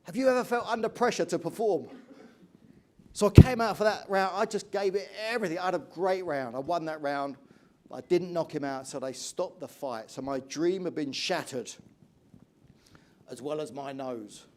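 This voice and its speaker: A middle-aged English man giving an energetic motivational keynote speech, telling stories and asking the audience questions. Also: a little high, moderate pace. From England. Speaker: motivational speaker.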